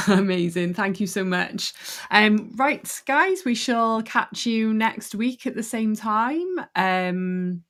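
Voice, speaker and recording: A woman's voice: mid-range voice, takes it slowly, a bit bright. A woman hosting a casual chat show, chatty and full of fillers, often laughing. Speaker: host.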